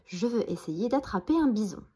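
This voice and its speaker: A woman doing a squeaky eager little hamster boy. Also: normal speed, husky. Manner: excited, high and loud.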